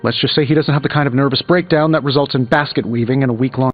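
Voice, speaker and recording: A man's voice: mid-range voice, steady tone, fast talker, muffled recording, soft background music, lightly acted. A man playing a cocky, wisecracking genius inventor superhero in a video game, with a glib, sarcastic delivery. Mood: concerned, wry. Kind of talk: video game dialogue, quippy banter.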